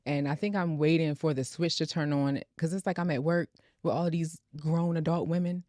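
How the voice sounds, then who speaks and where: A woman of forty co-hosting a podcast, speaking in a relaxed, reflective way. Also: deep voice, normal speed, dry recording, clean studio sound. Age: 40s. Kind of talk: casual chat.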